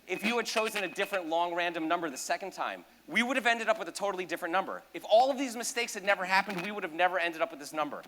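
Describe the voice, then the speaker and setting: A man working a ballroom crowd with light, joking stage patter. His voice sits high and sounds bright and forceful, and he keeps poking fun at himself as the trick drags on. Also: expressive, rapid-fire, few pauses, a little hiss or hum. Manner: joking, self-deprecating, talks to audience. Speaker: magician performing at a gala. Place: large ballroom.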